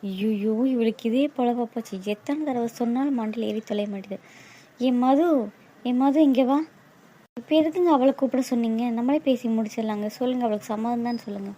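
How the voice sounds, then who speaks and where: A woman's voice: a little high, brisk, mellow, lo-fi sound, lightly acted. A woman playing a bitter, scolding mother. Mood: exasperated. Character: angry, hurt mother of the bride.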